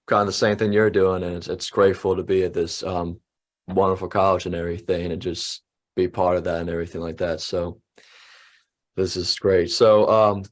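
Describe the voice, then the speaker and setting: A young man hosting an interview, friendly and hesitant with fillers. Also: sits low. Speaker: host. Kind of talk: casual interview.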